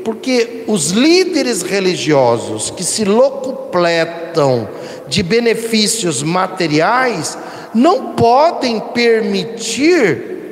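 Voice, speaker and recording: A high-voiced Brazilian man speaks in a lively, sweeping way, stressing each point and restarting sentences as he goes. He leads a spiritist discussion in a reflective tone. The sound is roomy, with a long reverb tail. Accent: Brazilian Portuguese. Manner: emphatic, repeats phrases, frequent self-corrections. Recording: echoey room with long reverb.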